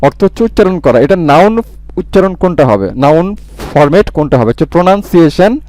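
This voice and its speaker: A man's voice: a little high, expressive, a little fast, darkish tone, no room sound. Man, grammar tutor, exam-prep lesson, repeats words, asks himself questions, dry sound. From Bangladesh. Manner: repeats key words, asks and answers his own questions.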